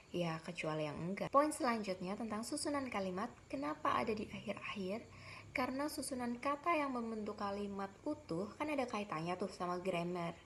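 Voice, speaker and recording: A young graduate student with a mid-range voice presents a course assignment, walking through the grading rubric in a chatty, slangy, upbeat lesson. There's a little hiss or hum on the recording.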